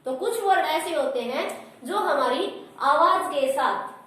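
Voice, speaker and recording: A woman's voice: high voice, lively intonation, measured pace, sharp tone, very echoey, far from the mic, low-quality recording. A woman teaching a grammar lesson step by step and asking her students questions as she goes. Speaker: school teacher.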